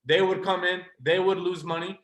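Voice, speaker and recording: A young adult man, a trading mentor, gives an earnest, passionate motivational sales pitch to a live online call, speaking straight to his listeners. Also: steady tone, normal speed, fairly bright tone. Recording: roomy echo.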